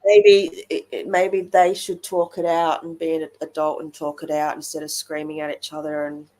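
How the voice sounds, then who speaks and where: A woman's voice: deep voice, little pitch movement, normal speed, darkish tone, low-quality recording. A woman with an Australian accent speaking earnestly and from the heart as a sitter in a tarot reading. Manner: earnest and heartfelt, with frequent restarts. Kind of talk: emotional live-stream chat.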